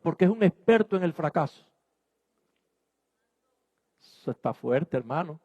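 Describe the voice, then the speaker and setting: A man's voice: on the high side, animated, a little slow, warm tone, lo-fi sound. A man preaching a sermon as pastor, exhorting his congregation emphatically in a church. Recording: long hall reverb.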